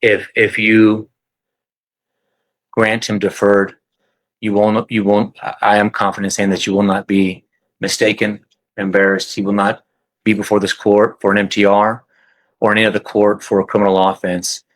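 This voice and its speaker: A man arguing formally in court as a defense attorney, measured and deferential to the judge. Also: fairly low pitch, completely flat delivery, no echo, low-quality recording.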